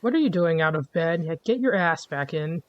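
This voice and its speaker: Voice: medium pitch, lively intonation, fairly quick, dry recording, muffled recording. A streamer giving casual, jokey commentary while playing a game, easygoing and laughing often.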